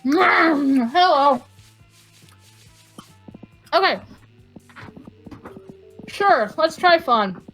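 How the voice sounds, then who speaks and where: A woman's voice: high voice, lively intonation, extremely slow, long pauses, fairly bright tone, faint music behind. A woman chatting casually and narrating game actions during a let's-play, easygoing and giggly. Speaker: gamer.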